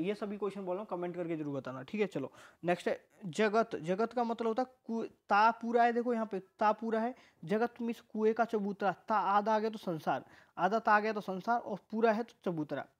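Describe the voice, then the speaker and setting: Chatty Hindi grammar teacher repeating words. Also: male voice, sits high, darkish tone. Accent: Rajasthani Hindi. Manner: repeats words many times, chatty asides to students. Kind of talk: casual online exam-prep lesson.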